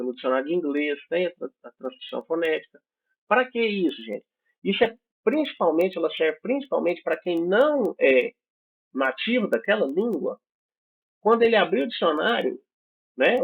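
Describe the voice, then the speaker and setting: A man's voice: sits high, breathy edge. A Brazilian man teaching an online English class, explaining patiently and checking in with his students often. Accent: Brazilian Portuguese. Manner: explanatory, checks in with frequent "certo?" and "né?". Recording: tinny phone-like audio.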